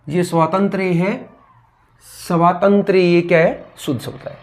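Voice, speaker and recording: A man with a somewhat high voice teaches a grammar class. He works through one word after another, asking the class what each word is and then giving the answer. His delivery is steady and methodical, in the manner of a classroom drill. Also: unhurried. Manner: drills word spellings with repeated questions and answers. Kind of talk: Hindi grammar lesson.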